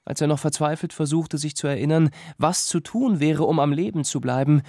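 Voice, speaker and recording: A man narrating a fairy tale with measured, dramatic telling. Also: fairly high pitch, a little mellow, dry recording, studio quality. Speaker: storyteller.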